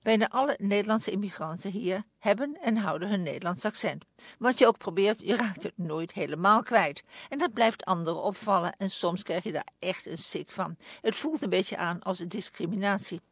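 A woman radio presenter reading a scripted introduction to a segment in a clear, measured way. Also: medium pitch, slight background noise.

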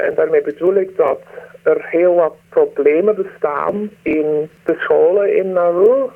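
Woman disguised by deep pitch-shifted distortion. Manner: earnest and pained, with hesitant pauses. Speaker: anonymous former aid worker interviewee. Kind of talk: radio interview answers. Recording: distorted, narrow phone-like sound.

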